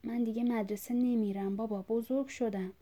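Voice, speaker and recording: Give me a woman playing a patient, pleading adult son, warm voice, audiobook style. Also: fairly high pitch, fairly even intonation, lightly acted. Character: grown son pleading patiently with his father. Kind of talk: audiobook reading.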